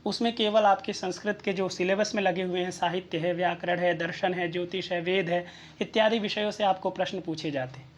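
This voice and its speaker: A woman's voice: on the low side, steady tone, a little fast, a little hiss or hum. A woman tutor explaining exam questions and answers step by step, checking in with the listener with small rhetorical questions.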